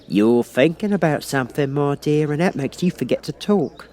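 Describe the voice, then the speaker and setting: A man performs an old storybook Duchess, pitched up and swooping widely. She is cloying and pompous, forever moralizing, and stretches out her exclamations with clingy affection. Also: lively intonation, moderate pace, mellow, lightly acted. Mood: affectionate. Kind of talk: audiobook character voice.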